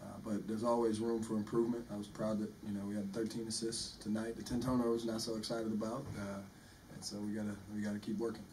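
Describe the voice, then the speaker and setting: A man's voice: lowish voice, flat delivery, a little mellow. Man coaching at a postgame press conference, distant mic. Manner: measured, repeats words while thinking. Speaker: head basketball coach. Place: press room in front of a sponsor backdrop. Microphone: table microphone, recorded from the room. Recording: distant room mic with faint noise.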